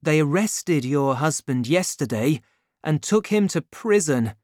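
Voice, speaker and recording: Woman reading a gallant young guardsman, urgent and earnest, slow and lively, dry sound. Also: sits low, no room sound.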